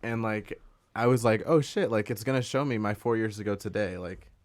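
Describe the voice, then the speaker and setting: Excitable young man, rambling, slightly low voice. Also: fairly quick. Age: 20s. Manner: rambling, heavy use of "like", excitable. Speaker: podcast guest, concert photographer. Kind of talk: casual chat.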